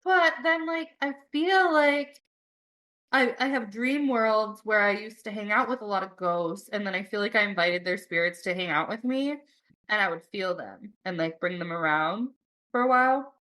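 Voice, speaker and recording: A woman's voice: medium pitch, moderate pace, a bit bright. A young woman hosting a podcast, chatting and telling stories in a rambling way, full of "like" and casual swearing. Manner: rambling, lots of "like", swears freely. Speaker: podcast host. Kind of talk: casual chat and storytelling.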